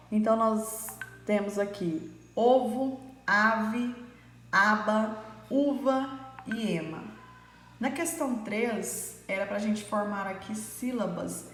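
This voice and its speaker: A woman primary school teacher, patiently going over answers in a recorded lesson with frequent fillers. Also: mid-range voice. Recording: echoey room with long reverb.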